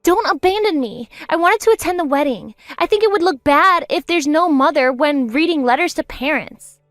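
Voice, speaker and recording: A woman's voice: a little high, lively intonation, moderate pace, dry recording, studio quality, faint music behind. A woman voicing a selfish, spiteful wife in her fifties who turns defensive and self-pitying in a story drama. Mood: pleading.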